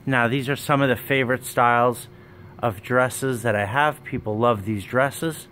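A man, running a wholesale business, giving a plain walkthrough sales pitch in a warehouse, listing items one by one while filming on a handheld phone. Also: fairly even intonation, a little slow, fairly bright tone, slight background noise. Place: indoor warehouse with dress racks. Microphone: handheld phone camera, speaker off screen.

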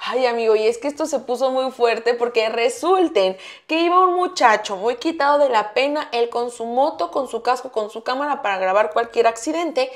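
Mexican female gossip co-host, higher voice, lively storyteller who acts out quotes. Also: normal speed, hardly any pauses. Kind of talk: casual gossip chat.

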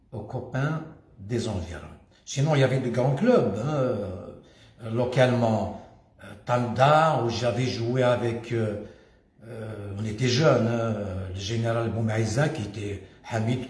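In a home room with a stone wall and staircase, where the sound echoes, an older Kabyle Algerian man addresses the camera in a casual personal monologue. He once led a community association, and his voice is mid-range and darkish, slow, halting and full of hesitant pauses.

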